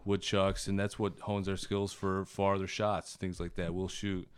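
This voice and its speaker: A man, a podcast guest telling relaxed stories and laughing often in a casual chat. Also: deep voice, unhurried, clean tone, no echo.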